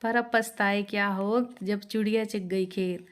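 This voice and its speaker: A woman's voice: mid-range voice, fairly even intonation, a little slow, clear, resonant tone, natural voice. A woman voicing a poor young husband who runs a small eatery, coaxing at first and then fed up with his wife. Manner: pleading, then scolding and fed up.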